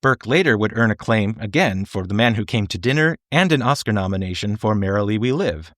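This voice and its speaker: A man with a fairly low voice delivers scripted video-essay narration. His phrasing is polished and measured, with clear articulation. The recording is close and dry, with very little room around the voice. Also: animated, no room sound. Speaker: film reviewer and narrator.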